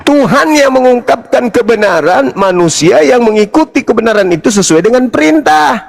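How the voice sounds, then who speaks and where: A man arguing hard in a religious debate, mocking and shouting his points while fasting. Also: very high-pitched, lively intonation, vocal fry.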